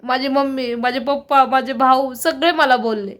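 A woman with a high-pitched voice pours out her grievances in an emotional personal vlog. She sounds distressed and keeps throwing out rhetorical questions about why she is being blamed. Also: steady tone, moderate pace, a bit bright. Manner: aggrieved, full of repeated rhetorical questions. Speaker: vlogger.

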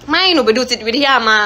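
A young woman chatting casually on a livestream to fans, giggly and chatty, apologizing often, filmed on a phone held at arm's length. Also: sharp tone. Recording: phone livestream with clear background noise.

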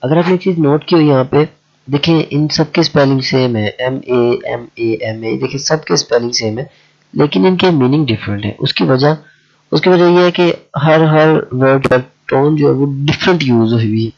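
Man explaining a lesson slowly. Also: medium pitch, vocal fry, a little mellow. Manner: slow and repetitive, with many fillers. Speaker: language teacher. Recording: dull lo-fi audio.

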